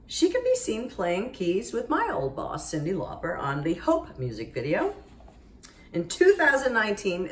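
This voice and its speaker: A woman's voice: medium pitch, reverberant. A woman hosting a cooking show, playful and jokey, introducing her guest and chatting in a kitchen. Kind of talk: lively show host introduction and kitchen chat. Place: studio kitchen.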